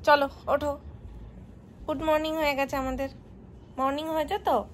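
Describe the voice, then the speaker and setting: Chatty young Bengali mum, high voice. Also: female voice, flat delivery, moderate pace, a little hiss or hum. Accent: West Bengal Bengali. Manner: chatty, talks to viewers and coaxes a toddler. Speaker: vlogger and mother. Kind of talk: casual home vlog narration. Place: home, indoors and garden.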